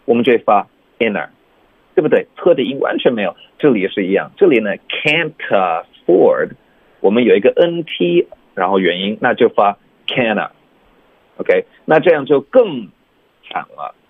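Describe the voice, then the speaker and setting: A man teaching English pronunciation on a radio show, stretching words out slowly to demonstrate sounds. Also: lowish voice, expressive, husky, no room sound. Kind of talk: radio lesson chat. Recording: tinny phone-like radio sound.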